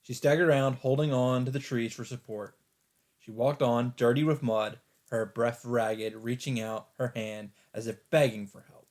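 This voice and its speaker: This let's play host, a man with a medium-pitched voice, performs the text of a visual novel as dramatic narration, pausing and phrasing each line with care while music plays behind him.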